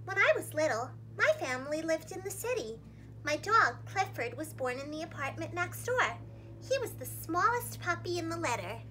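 The recording is low quality, with a little hiss or hum, as a young preschool teacher and storytime host reads aloud to young children at normal speed. Her bright, very high voice is expressive and dramatic, and she sits against a plain wall in a small indoor room.

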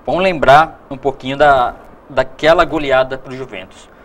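A man's voice: medium pitch, fairly even intonation, normal speed, fairly bright tone. A young man hosting a TV sports show, putting long, loosely built questions to his guests in a studio. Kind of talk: studio TV interview. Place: TV studio set.

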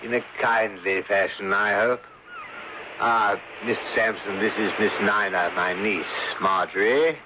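An actor playing an oily scheming uncle. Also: male voice, lowish voice, unhurried, lightly acted. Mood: suave. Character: smooth, sinister middle-aged uncle, scheming. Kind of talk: 1970s radio drama acting. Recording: hissy lo-fi vintage radio recording.

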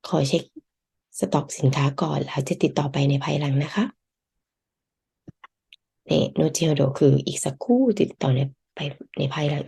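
A woman's voice: low-pitched, creaky, dark tone, slightly rough. A woman hosting a podcast language lesson, explaining phrases one by one and translating them. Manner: reads Japanese phrases, then translates and explains them slowly. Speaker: Japanese language teacher. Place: lives in Japan.

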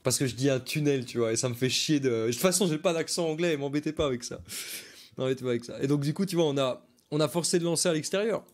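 A man's voice: on the high side, fast, hardly any pauses. A man, coaching live as he breaks down football game film for viewers, chatty and casual, repeating his points and reading out viewer comments.

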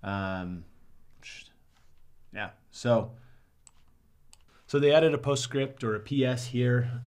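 Speaking slowly in a medium-pitched, slightly mellow voice, a young man sits at his desk in a small studio and casually picks apart ads for the camera. As a marketing reviewer, he stays upbeat and says "um" and "right?" a lot.

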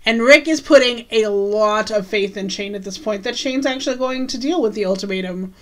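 A woman co-hosting a podcast, casually recapping a TV episode in a chatty way with quick asides. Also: mid-range voice. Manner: chatty, recounts scenes with quick asides and laughs. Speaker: podcast co-host.

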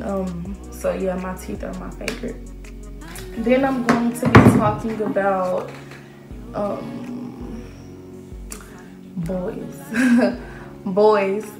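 A woman's voice: mid-range voice, echoey room. A nineteen-year-old woman chatting to camera in a casual Q&A vlog, self-assured and full of fillers. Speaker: aspiring model vlogger. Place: small room indoors.

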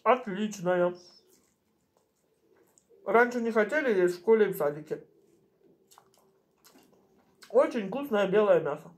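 A middle-aged woman chatting casually in short phrases with pauses as she eats, chewing while she talks, recorded in a home kitchen. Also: medium pitch, expressive, darkish tone. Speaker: mukbang vlogger. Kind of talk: casual chat while eating. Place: small home kitchen, indoors. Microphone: camera on the table at arm's length.

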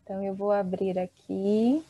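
A woman in her thirties teaching an online Portuguese class, slowly and encouragingly reading out students' chat replies. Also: mid-range voice, fairly even intonation, warm tone. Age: 30s. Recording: dull, dry video-call audio.

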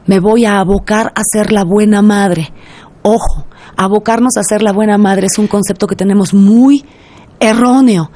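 A woman, a guest expert on a radio interview, explaining in a lively, teacherly way and speaking directly to listeners. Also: mid-range voice, normal speed.

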